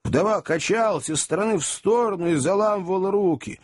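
A man telling a story in the first person as an expressive audiobook narrator, chatting as if to a room of gentlemen. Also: high-pitched, a little fast.

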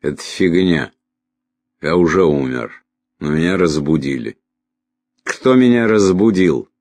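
A man's voice: low-pitched, expressive, measured pace, a little mellow, dry recording. A man voicing a deranged, dying young man who rambles in a raised, agitated voice. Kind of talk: audiobook character voice.

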